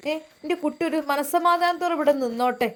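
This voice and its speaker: A woman's voice: high-pitched, fast talker, fairly bright tone. A protective mother pleads and soothes in a raised, strained voice, as a woman storyteller puts her on. Her words come out tender and urgent. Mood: pleading. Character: tearful, protective middle-aged mother.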